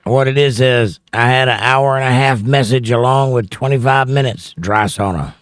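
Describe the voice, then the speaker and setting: A livestream host of medium pitch reads the chat aloud at normal speed, chatting casually about each comment. He's on a close studio mic held near the mouth, and there's no room sound.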